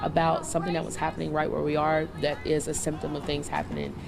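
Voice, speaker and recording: An activist in her thirties from Chattanooga, Tennessee, answers interview questions conversationally in a deep, creaky, monotone voice, talking fast with a southern United States accent. A music bed plays underneath.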